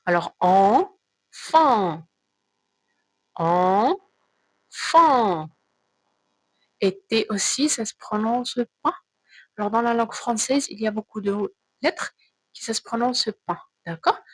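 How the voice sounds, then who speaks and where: A woman teacher giving a slow, careful reading lesson to children, spelling out sounds and repeating words. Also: on the high side, slightly rough, no room sound, rough recording.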